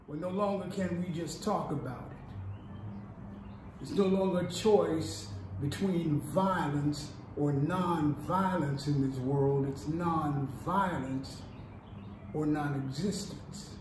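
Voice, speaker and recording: An older man, an actor, performing an impassioned civil rights preacher's speech in a slow, oratorical delivery, filmed on a phone camera in a small tiled room. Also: a little high. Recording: echoey room, faint hiss.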